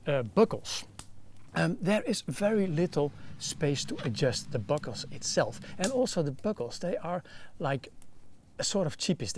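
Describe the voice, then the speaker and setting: Man, Dutch accent, slightly high voice, casual gear review, lots of "um"s, outdoors at a campfire. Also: darkish tone, a little hiss or hum. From Netherlands. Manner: explains in detail with frequent fillers.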